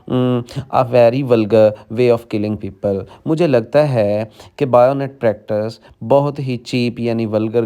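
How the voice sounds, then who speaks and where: Guy teaching english, talks to the kids, smooth low voice. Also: mellow. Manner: reads English slowly word by word, then explains quickly in Urdu; addresses students directly as children. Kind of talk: bilingual lecture, reading English text and explaining it.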